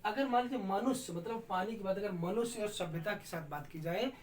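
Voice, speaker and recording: A woman's voice: medium pitch, brisk. A woman teacher giving a patient, explanatory grammar lesson and often checking in with her students. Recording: distant mic with faint room ambience.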